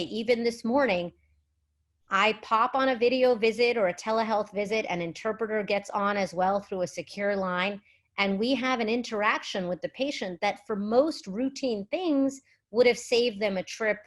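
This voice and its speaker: A middle-aged woman speaks as a physician at a virtual summit, explaining articulately and conversationally, using emphasis and rhetorical questions. Her mid-range voice moves at normal speed.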